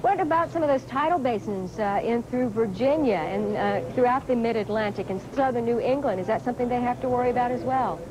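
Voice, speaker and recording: A woman's voice: a little high, fairly quick, hardly any pauses, crowd noise, rough recording. A woman conducting a live news interview in a conversational broadcast style.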